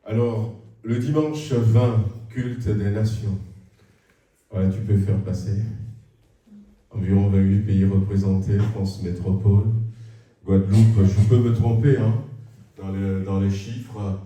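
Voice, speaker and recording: Inside a large church hall, a man gives the congregation its announcements in a friendly, hesitant way, filling pauses with lots of ums and ahs. His voice is fairly low and warm, slow, with fairly even intonation. Picked up from far off, the recording echoes heavily.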